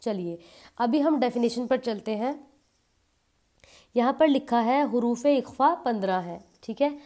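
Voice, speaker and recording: A woman teaching Quran recitation, explaining patiently and drawing out example words slowly. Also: on the high side, animated, mellow.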